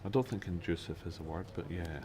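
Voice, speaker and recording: A man from Scotland, giving measured, analytical live commentary on a pool match. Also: deep voice. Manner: measured, analytical shot-by-shot remarks. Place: busy pool venue. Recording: crowd noise in a venue. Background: crowd chatter.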